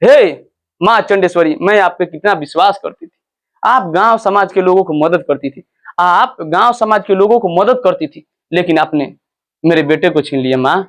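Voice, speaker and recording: A grieving village mother from a storybook lesson, wailing and pleading in a high voice, as a man teacher reads her part. Her lines come out loud and raw with grief. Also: moderate pace. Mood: bitter grief.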